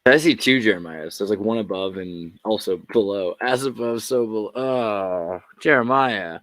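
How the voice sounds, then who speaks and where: A man's voice: fairly low pitch, moderate pace, a bit bright, dry recording. A man hosting a casual livestream, chatting loosely and joking as he checks his new setup. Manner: loose, rambling, jokey. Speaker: livestream host.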